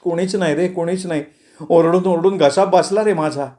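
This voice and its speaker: Man doing a worried young wife, higher voice, pleading and urgent. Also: normal speed, mellow, close to an everyday voice. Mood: anxious. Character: young wife, anxious and determined.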